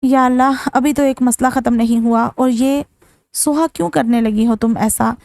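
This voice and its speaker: A woman voicing an anxious, gentle young mother who speaks softly and pleadingly. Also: fairly high pitch, fairly even intonation, moderate pace, no echo, close to an everyday voice.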